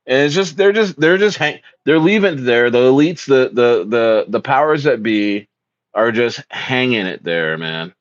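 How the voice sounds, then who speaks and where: A man's voice: mid-range voice, expressive, moderate pace, dry recording. A man from South Jersey hosting a casual livestream, reading viewer comments and hyping things up in slangy, repetitive talk. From South Jersey, USA. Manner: hyped, repetitive slangy talk with lots of "bro". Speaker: livestream host. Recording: dull lo-fi dry audio.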